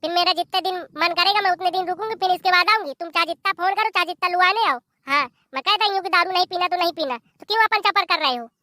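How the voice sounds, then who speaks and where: A performer voicing a stern, sharp-tongued young wife. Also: very high-pitched, quick pace, hardly any pauses, dry recording. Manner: stern, threatening.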